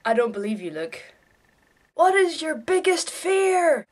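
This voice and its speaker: A young woman chats casually to the camera from her small bedroom, her voice sitting high with a sing-song, slightly slow delivery. She talks in an irreverent, offhand way and swears freely.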